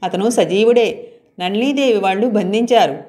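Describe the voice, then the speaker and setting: A lively young heroine, quick to take offence and to pout, as a woman storyteller reads her part. Her voice sits at an ordinary middle pitch, with little change from the reader's own. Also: lightly acted. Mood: eager.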